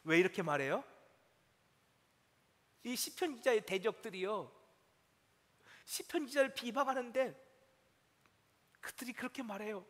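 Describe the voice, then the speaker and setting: High-pitched, lively pastor preaching in a reverberant church. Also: male voice, measured pace, pauses often. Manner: emotional preaching, swinging from hushed to shouting. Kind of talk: sermon. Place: church sanctuary. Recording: long church hall reverb.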